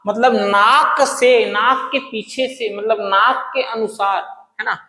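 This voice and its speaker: A man's voice: high-pitched, steady tone, takes it slowly, pushed and bright. A male teacher giving a grammar lesson, asking and answering his own questions and repeating key terms. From Chhattisgarh, India. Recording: echoey room with long reverb.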